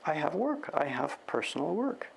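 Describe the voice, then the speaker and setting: This printmaker in his sixties rambles casually on a livestream, correcting himself and often naming himself in the third person. His slightly high, gravelly voice is very animated at a moderate pace, and the low-quality recording has slight background noise.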